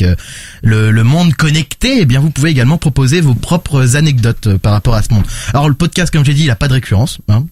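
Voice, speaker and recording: A man's voice: medium pitch, a little mellow, no room sound, clean studio sound. A man presenting and reviewing podcasts in a chatty, enthusiastic way, with many fillers and restarts.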